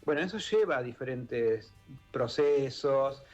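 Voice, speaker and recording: With an expressive, unhurried, darkish mid-range voice, a man talks as a guest in a radio studio; the audio is dull and faint music runs underneath. Born in Italy, raised in Argentina, he speaks Rioplatense Spanish, and as an author and exile-children group member he answers thoughtfully, with many fillers and restarts.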